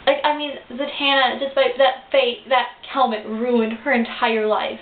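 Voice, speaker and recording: Excitable young woman, tinny echoey recording. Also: fairly high pitch, normal speed. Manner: gushing, excitable, many fillers and restarts. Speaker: vlogger reviewing a cartoon episode. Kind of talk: casual fan review. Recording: tinny lo-fi webcam audio in an echoey room with hiss.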